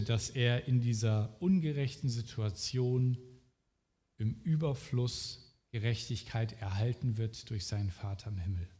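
A man preaching a sermon at a slow, deliberate pace, speaking earnestly and directly to the listener. His voice sits at an ordinary pitch and rings with a long reverberant tail. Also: warm tone.

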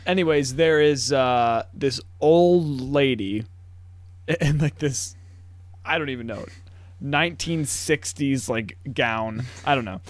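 A man's voice: mid-range voice, slow. A young man co-hosting a podcast, chatting casually as he recaps a TV episode, laughing often and acting out lines in funny voices. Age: young adult. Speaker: podcast co-host.

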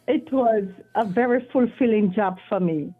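A woman, a guest author answering interview questions in an earnest, measured, devout way. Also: a little high, slightly rough, soft background music. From Jamaica. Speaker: author and retired teacher, guest. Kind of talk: interview answers over a call. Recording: tinny phone-line audio.

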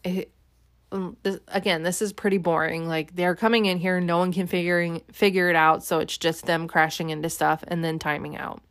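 Woman, casual recap, chatty, wry, lots of fillers, slightly low voice. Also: steady tone, normal speed, no echo, clean studio sound. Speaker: reality show recapper.

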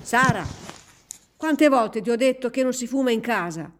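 A woman's voice: fairly high pitch, very animated, moderate pace, a little mellow, slight background noise, voice pushed up. Woman doing a stern scolding father. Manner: scolding, raised voice. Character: stern protective father, middle-aged man.

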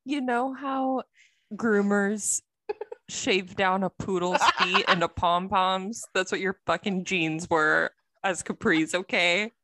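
A woman's voice: mid-range voice, takes it slowly, bright, forceful tone, dry recording. A woman co-hosting a podcast in casual chat, roasting her friend with sarcastic comebacks. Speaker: podcast co-host.

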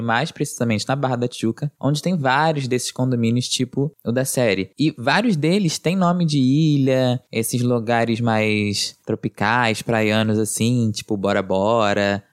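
A man's voice: mid-range voice, dry recording, clean studio sound. A Brazilian man hosting a podcast in a casual, chatty style. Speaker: podcast host. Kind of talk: casual podcast chat about TV series.

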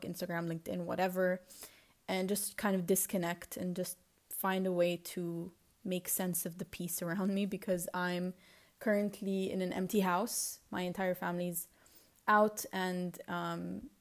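A woman's voice: lowish voice, a little mellow. A woman with a Lebanese accent, partly Americanized, talks as a solo podcast host in a casual, confessional, reflective and rambling way.

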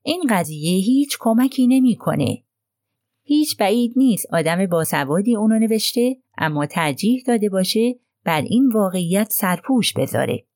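A woman voicing a sharp-witted older male detective who asks measured, probing questions in an audiobook. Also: mid-range voice, animated, no room sound, clean studio sound, lightly acted. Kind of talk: audiobook reading.

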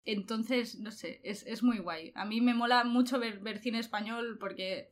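A woman's voice: on the high side, unhurried. A young woman, chatting casually and laughing often. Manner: animated, laughs often, colloquial. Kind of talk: casual chat.

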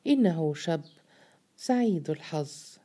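A woman's voice: low-pitched, expressive, unhurried, mellow. A woman voicing a wary, clever man who speaks politely and with care, in an audiobook story. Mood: guarded. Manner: polite and guarded.

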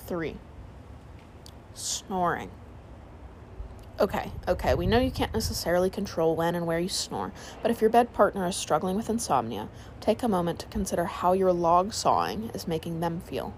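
A woman narrating a sleep story, reading aloud in a calm, soothing way. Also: on the low side, normal speed, slight background noise.

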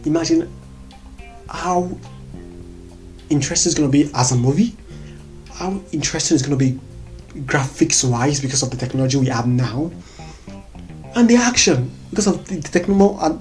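A vlogger with a Nigerian accent excitedly chats about movies worth recommending, her talk bubbling along with frequent laughs and repeated words. She speaks at a normal speed but pauses often. Faint, soft music at a middling pitch plays underneath.

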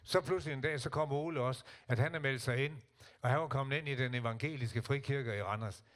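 An older man, a singer and guest, telling lively stories and acting out what others said. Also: mid-range voice. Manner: animated, acts out quotes. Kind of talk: casual storytelling.

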